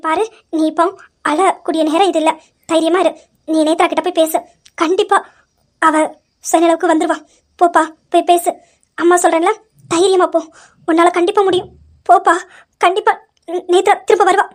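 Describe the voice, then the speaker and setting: A woman's voice: very high voice, level tone, moderate pace, long pauses. A woman voicing a loving middle-aged mother who soothes and reassures her crying son in an audio drama. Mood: reassuring. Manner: soothing, pleading. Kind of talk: amateur audio drama acting.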